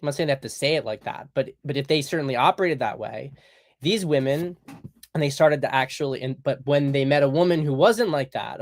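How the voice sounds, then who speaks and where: A man, hosting a podcast in a blunt, emphatic monologue that often repeats his points. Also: medium pitch. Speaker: podcast host. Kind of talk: opinionated monologue.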